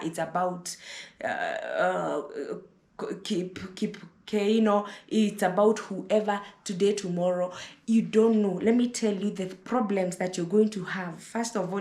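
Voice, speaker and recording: A woman's voice: medium pitch, echoey room. A Kenyan woman in her thirties gives motherly advice straight to camera, lecturing and repeating herself to drive points home. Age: 30s. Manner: motherly, lecturing, repeats words and says "listen" often. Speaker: vlogger giving advice. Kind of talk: casual advice monologue to camera.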